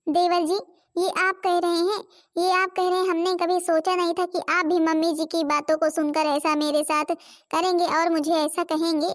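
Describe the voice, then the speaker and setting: Woman doing a cartoon elder daughter-in-law, very high voice, put-upon, defensive. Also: level tone, normal speed. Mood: hurt. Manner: pleading, defensive.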